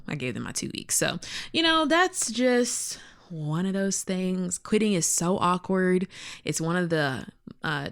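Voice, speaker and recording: A woman co-hosting a podcast, giving advice in casual, chatty talk. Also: low-pitched. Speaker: podcast co-host. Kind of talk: casual chat.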